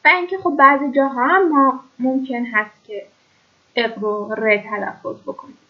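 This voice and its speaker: Woman, language teacher, high-pitched, explains then stretches out example words, dull lo-fi recording. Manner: slow, drawn-out model words between brisk explanations. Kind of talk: pronunciation lesson.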